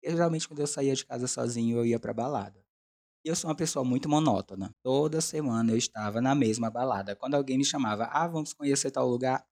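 Mellow, dark-voiced young Brazilian man. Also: medium pitch, quick pace. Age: 20s. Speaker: podcast host. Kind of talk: casual confessional chat.

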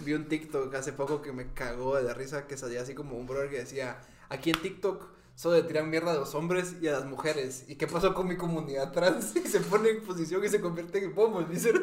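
A man's voice: a little high, fairly even intonation, fairly quick, noisy background. A man co-hosting a podcast, laid-back and slangy, often laughing during the chat. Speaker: podcast co-host.

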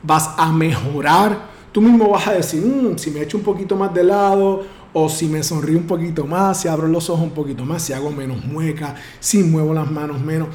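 A man coaching on public speaking, projecting his voice firmly with big deliberate swings in pitch. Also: a little mellow. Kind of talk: instructional talk to camera. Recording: roomy echo.

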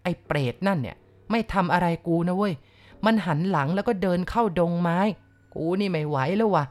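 A woman reading the part of a coarse, rough-talking rural man who tells a ghost tale bluntly and with swagger. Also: fairly low pitch, a little fast, darkish tone, natural voice. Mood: rough, boastful. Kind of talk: storytelling narration.

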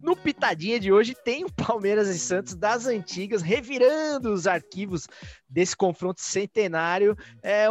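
Male podcast host, high voice, lively and jokey, faint music under. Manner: animated, joking, many restarts. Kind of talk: casual chat.

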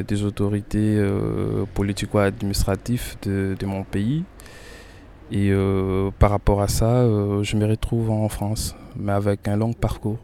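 A man's voice: fairly low pitch, warm tone, slight background noise. A young man from Congo telling his story in a radio interview, hesitant with many fillers and repeated words. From Congo (Kinshasa). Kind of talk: radio interview, personal testimony.

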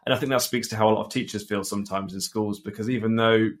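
Fast-talking co-host. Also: male voice, lowish voice, steady tone. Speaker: podcast co-host, teacher. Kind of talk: casual chat.

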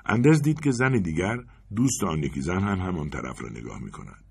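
A deep-voiced man reads a short story aloud with expressive storytelling. His pitch swings widely across sentences. The voice has a husky grain. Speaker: narrator. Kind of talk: audiobook story reading.

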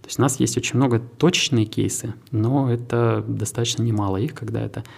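A man with a low, gravelly, husky voice of dark timbre answers interview questions. He heads a tech park and speaks in a measured, businesslike way, sometimes restarting his phrases. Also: fairly even intonation.

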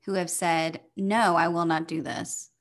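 Chatty woman in her 30s cohosting a podcast, kinda low voice, laughs a lot. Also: little pitch movement, measured pace. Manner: chatty, laughs often, trails off with fillers. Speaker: podcast co-host. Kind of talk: casual chat.

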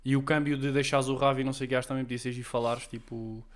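A man with a European Portuguese accent hosting a casual interview, asking long, rambling questions in a relaxed, slangy way. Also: mid-range voice, very fast. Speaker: podcast host, interviewer.

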